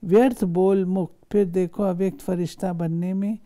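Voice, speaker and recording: Woman, very mellow dark voice, steady instructive sermon reading, rhetorical questions. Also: fairly low pitch, normal speed. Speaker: reader of spiritual discourse. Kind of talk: reading a spiritual discourse aloud.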